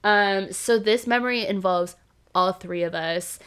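A woman's voice: medium pitch, unhurried, a bit bright, smooth. A woman co-hosting a casual podcast chat, telling stories with animation and laughing often. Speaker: podcast co-host.

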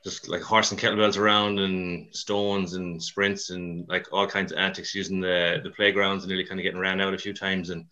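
A man's voice: low-pitched, level tone, normal speed, hardly any pauses, sharp tone, dull audio. A man with a west of Ireland accent chatting casually in an interview, rambling and colloquial, with a self-deprecating touch. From Mayo and Dublin, Ireland. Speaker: CrossFit coach, podcast guest.

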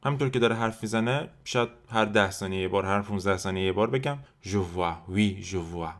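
A man hosting a language lesson podcast as a French teacher, slowly and deliberately drilling phrases for listeners to repeat. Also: on the low side, fairly bright tone.

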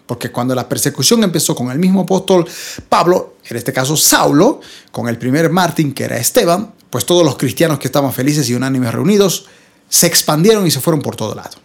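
Lively Bible study teacher reading scripture. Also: medium pitch. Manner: reads scripture slowly and expressively, then explains it plainly; addresses listeners as brothers and sisters.

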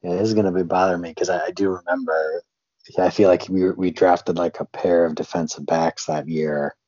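A man's voice: deep voice, flat delivery, fairly quick, a little mellow, husky, no room sound, lo-fi sound. A man co-hosting a casual sports podcast, guessing hesitantly and rambling while he thinks. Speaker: podcast co-host guessing trivia.

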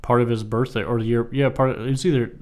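A man with a middle-pitched voice hosts a relaxed podcast chat. He rambles from one thought to the next, cracks jokes, and lets the odd swear word slip. His tone stays easygoing throughout. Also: fast. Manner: rambling, joking, swears freely. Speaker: podcast host. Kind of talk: casual chat.

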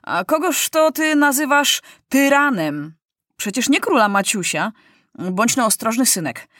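A stern young corporal, put on by a woman reader, warns in a gruff tone. The reading is dry and close. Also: high-pitched, lively intonation, measured pace, fairly bright tone, no room sound, voice pushed up. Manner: stern, admonishing.

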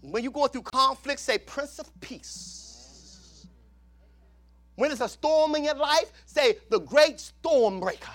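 Pastor, male, 50s; very high, bright gravelly voice, lively sermon delivery that drops from shouts to near whispers. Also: slow. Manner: swings between shouted preaching and hushed asides.

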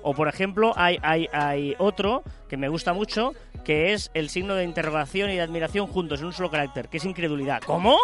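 A man's voice: a little high, fairly quick, hardly any pauses, a bit bright, soft background music. A man co-hosting a casual podcast, explaining things step by step and often checking in with "¿vale?". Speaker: podcast co-host.

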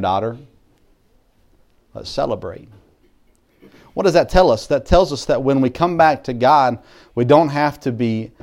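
A man preaching a sermon as a pastor, earnest, with restarts, swinging between loud emphasis and quiet asides. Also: medium pitch.

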